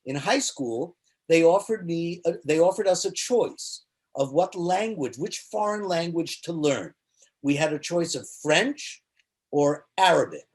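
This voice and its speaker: A man who grew up in Israel, hosting a casual online chat and telling jokey stories. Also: on the high side. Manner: jokey, animated storyteller. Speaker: organization founder and event host.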